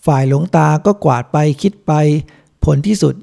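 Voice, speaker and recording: A man, a monk, reading a book aloud in a calm, measured way. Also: a little high, vocal fry. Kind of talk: audiobook reading.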